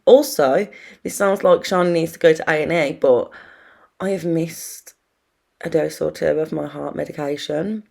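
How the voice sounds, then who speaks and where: A woman's voice: deep voice, moderate pace, gravelly, mellow. A young British woman with a slightly wheezy voice, chatting casually and informally to viewers as the host of a self-help video. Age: young adult. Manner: informal, rambling and confiding.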